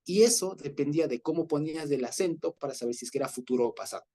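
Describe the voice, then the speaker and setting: A man leading an informal Bible study, explaining patiently, checking in with his listeners and pausing on fillers as he searches for words. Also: fairly high pitch, dark tone. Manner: explanatory, often checks in with a questioning "ya?"; hesitant, with fillers and restarts.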